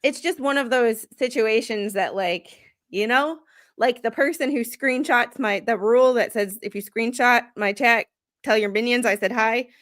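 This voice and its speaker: Blunt female guest, plain-spoken livestream chatter, high voice, laughs often. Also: normal speed, a bit bright. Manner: blunt, laughs between remarks. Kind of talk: casual livestream chat.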